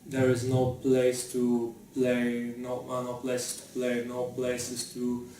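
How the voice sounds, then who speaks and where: A young man and law student answering interview questions in a halting way, repeating himself. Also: medium pitch, monotone, mellow, slight background noise. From Bulgaria. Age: young adult. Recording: echoey, distant from the mic.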